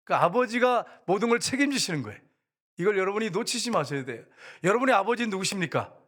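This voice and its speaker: A middle-aged male pastor with a voice that sits a little high, preaching in a church. He tells stories in a loose, chatty way and drops into the voices of the people in them. The delivery rises and falls between loud appeals to the congregation and quiet storytelling. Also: big pitch swings, fast. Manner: conversational preaching, acting out quoted voices. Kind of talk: sermon. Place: church sanctuary.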